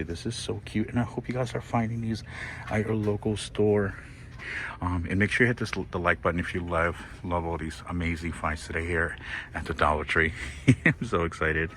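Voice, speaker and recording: Gushing low-voiced man shopping. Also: slight background noise. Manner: gushing, excitable, exclaims and laughs often. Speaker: shopping vlog host. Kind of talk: casual shop-with-me walkthrough. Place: inside a discount store.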